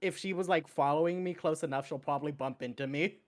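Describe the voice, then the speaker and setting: A woman's voice: low-pitched, fast talker. A woman playing in a tabletop game, chatting casually with stumbles and the odd swear. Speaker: player.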